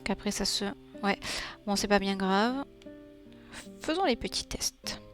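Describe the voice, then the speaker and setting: A woman's voice: mid-range voice, animated, unhurried, faint music behind. A woman livestreaming while she draws, chatting with viewers and thinking aloud with playful little sound effects. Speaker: streamer. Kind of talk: casual livestream chat while drawing.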